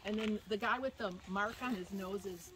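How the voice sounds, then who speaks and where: A woman with a mid-range voice, speaking at a normal speed, guides a group at a wildlife sanctuary with an informal, explanatory tour talk. She's outdoors among the animal enclosures, and the recording is very noisy.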